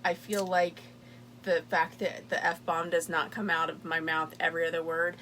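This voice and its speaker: A woman's voice: lowish voice, flat delivery, moderate pace, fairly bright tone, a little hiss or hum. A woman co-hosting a podcast, talking candidly in casual chat. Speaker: podcast co-host.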